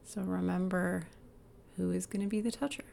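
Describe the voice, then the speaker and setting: A woman leading a guided body-awareness exercise in a calm, gentle, inviting manner, sometimes dropping to a soft whisper. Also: lowish voice, moderate pace, gravelly, a little hiss or hum.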